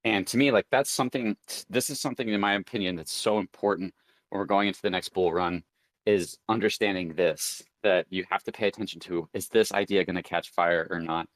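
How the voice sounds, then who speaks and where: A man with a very low voice hosts a casual live chat, rambling and thinking aloud with plenty of fillers. The sound is dry and close, with no room around it. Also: fairly quick, no echo. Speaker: crypto show host.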